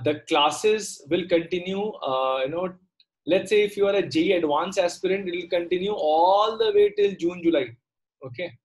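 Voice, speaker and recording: A middle-aged male teacher speaks with a South Indian accent in a moderately high voice. He explains things step by step in a conversational way, often repeating a phrase and stopping to ask short questions of his students. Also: poor audio. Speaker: maths teacher. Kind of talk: online lesson, explaining step by step. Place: indoor room, online class on a computer.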